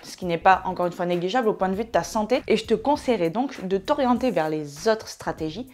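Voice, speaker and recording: A woman's voice: mid-range voice, lively intonation, fast, darkish tone. A woman hosting a fitness advice video, chatting casually to the viewer with playful, self-mocking asides.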